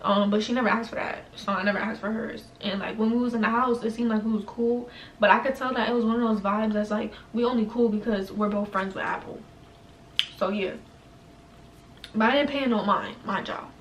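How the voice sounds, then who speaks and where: A woman's voice: medium pitch, fairly even intonation, brisk, lo-fi sound. Chatty young New woman, roomy echo. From New York, USA. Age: young adult. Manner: slangy, chatty, heavy use of "like". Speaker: vlogger. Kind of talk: casual storytime chat. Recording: roomy echo, mic at a distance, faint room noise.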